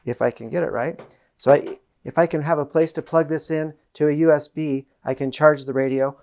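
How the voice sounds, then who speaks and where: A man's voice: fairly high pitch, steady tone, a little fast, darkish tone. A middle-aged American man hosting a product demonstration to camera, explaining things in a plain-spoken way. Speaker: host. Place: small indoor room with panelled wall. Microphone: lapel mic.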